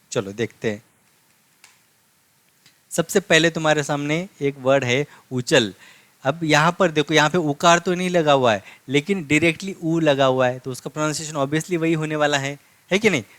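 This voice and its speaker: A man teaching a live online language lesson, slowly drilling words by repeating each one and checking in with tag questions. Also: fairly high pitch, a bit bright, no room sound. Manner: slow, repetitive drilling with frequent tag questions.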